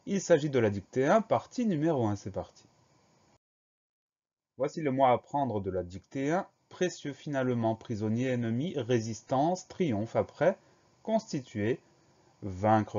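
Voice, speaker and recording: A man teaching a spelling lesson, slowly and carefully spelling words out letter by letter. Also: mid-range voice, warm tone, lo-fi sound.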